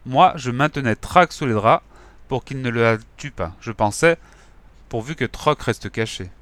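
Bright-voiced male storybook narrator. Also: mid-range voice, a little slow, no echo. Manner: lively, expressive storytelling. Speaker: audiobook narrator. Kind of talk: scripted children's story narration.

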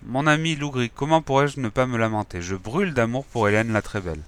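A man's voice: medium pitch, a little fast, clear, resonant tone, natural voice. A man voicing an earnest, lovesick young prince in a storybook reading. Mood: plaintive.

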